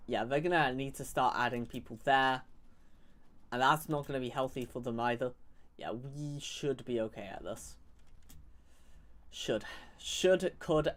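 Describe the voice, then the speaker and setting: A man's voice: mid-range voice, fairly bright tone. Sarcastic man rambling over gameplay. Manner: rambling, sarcastic, self-correcting. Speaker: gaming YouTuber. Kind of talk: casual strategy-game commentary.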